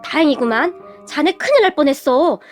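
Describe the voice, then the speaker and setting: A woman's voice: high-pitched, expressive, a little fast, faint music behind. A woman voicing a worried, fretful middle-aged mother.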